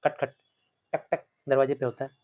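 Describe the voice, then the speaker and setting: A man's voice: medium pitch, flat delivery, moderate pace, phone-quality sound. A young man teaching a Hindi play, reading the lines aloud and explaining the words plainly.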